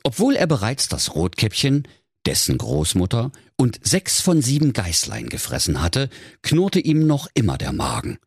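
A man narrating a comic fairy tale in a lively, playful storytelling manner, with a husky voice. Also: medium pitch, normal speed, no room sound, studio quality.

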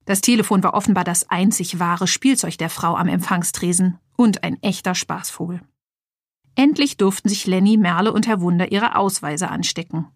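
A woman narrating a children's audiobook with lively, clear storytelling. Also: lowish voice, moderate pace, dry recording, studio quality.

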